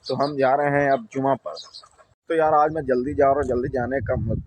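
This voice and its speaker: Walking through a village outdoors, a Punjabi-accented man talks casually to camera about his day, joking around and repeatedly asking viewers to subscribe. He speaks at a medium pitch, a little fast, with fairly even intonation, captured on a noisy outdoor phone recording.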